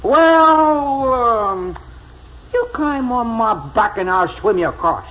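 An actor playing a sly, falsely polite, wheedling fox in an old children's radio drama. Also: male voice, very high-pitched, lively intonation, slow pace, full character voice. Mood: sly, reassuring. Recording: noisy lo-fi old radio transcription.

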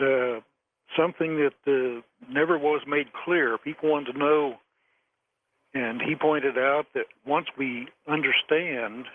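A man in his seventies calling in to a radio show over the phone, speaking haltingly and chuckling often between phrases. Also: mid-range voice. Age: 70s. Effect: caller heard over a phone line. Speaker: caller to a late-night radio show. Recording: tinny phone line with faint noise.

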